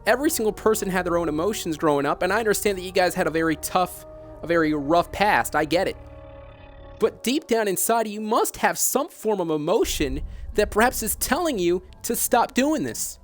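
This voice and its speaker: With soft music behind him, a man conducting an on-air phone interview talks in an animated, high voice and fairly quickly. His long, challenging questions come across as earnest and insistent, polite yet reproachful.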